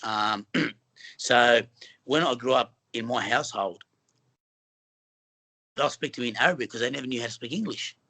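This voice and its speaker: A middle-aged Australian film actor from Western Sydney talks as a guest in a casual interview, earnestly meandering with plenty of fillers and restarts. His mid-range voice is bright and forceful at normal speed, and he pauses often. The audio quality is poor.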